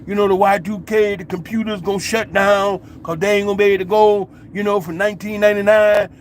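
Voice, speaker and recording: A man's voice: high-pitched, little pitch movement, fast talker, a little hiss or hum, pitched above the performer's own voice, close to an everyday voice. A man imitating a panicked man who fears the world is ending, exclaiming frantically. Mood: panicky. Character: panicky man fearing doomsday.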